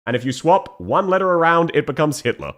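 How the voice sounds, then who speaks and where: A man's voice: a little high, lively intonation, fairly quick, a bit bright. A man hosting a quiz game with casual, teasing and playful banter.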